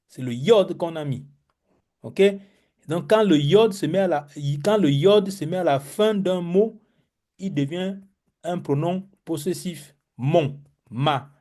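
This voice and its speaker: Animated, mellow-voiced pastor teaching Hebrew. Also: male voice, a little high. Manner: animated teacher, acts out examples, stammers on words. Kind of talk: classroom lesson.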